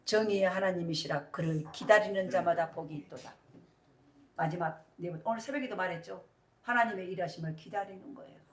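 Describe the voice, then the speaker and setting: This senior pastor, a middle-aged woman, preaches briskly in a fairly low voice, using call-and-response questions in an animated sermon. The mic sits well back in the church sanctuary, picking up plenty of hall echo.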